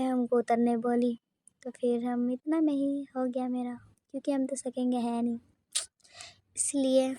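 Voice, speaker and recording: A woman tells her vlog story over the footage in a high but mellow voice, with little rise and fall in her pitch. She talks in a simple, chatty way and often pauses to think. The recording is dry and close. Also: dry recording. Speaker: vlogger. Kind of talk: casual vlog voice-over narration.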